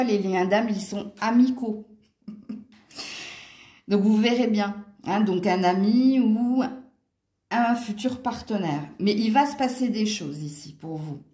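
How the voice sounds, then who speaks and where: A woman's voice: fairly high pitch, a little mellow. A woman with a Franche-Comté accent giving a casual tarot and astrology reading from home, chatty and full of little exclamations and hein tags. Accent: Franche-Comté French. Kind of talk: casual card reading for viewers. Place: at home near a window. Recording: roomy echo.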